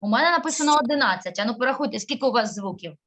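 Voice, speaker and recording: A woman's voice: on the high side, lively intonation, very fast, a bit bright. A woman teaching a primary school class, patiently sounding out syllables and words.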